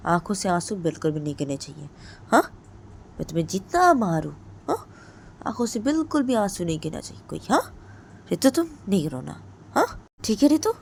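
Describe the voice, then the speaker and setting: A woman voicing a domineering, quick-tempered young woman who scolds with repeated sharp questions. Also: lowish voice, very animated, gravelly, a little hiss or hum. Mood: stern.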